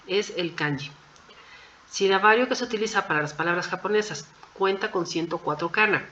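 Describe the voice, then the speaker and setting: A woman's voice: medium pitch, a bit bright. A woman walks through exam answers one by one, with the patient, methodical manner of a teacher who keeps checking that her students follow. The recording is a little dull and muffled, with a faint hum underneath. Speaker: Japanese language teacher.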